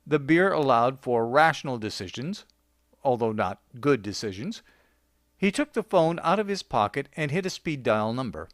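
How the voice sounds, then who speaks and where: A man reading a short story aloud with a wry, deadpan delivery. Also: mid-range voice, moderate pace, no echo, studio quality. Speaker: narrator.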